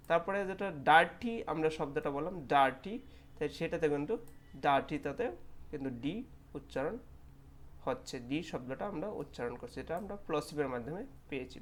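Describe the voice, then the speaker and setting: Man slowly teaching English pronunciation. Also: fairly high pitch. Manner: explains in Bengali, repeating English example words slowly; repeats the filler "okay" often. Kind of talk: phonetics lesson.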